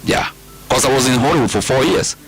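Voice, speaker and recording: A man's voice: mid-range voice, a little fast, a bit bright, soft background music. A middle-aged man from Kenya with a Kikuyu Kenyan accent, talking casually and emphatically as an interview guest, like a storyteller. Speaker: guest, comedian.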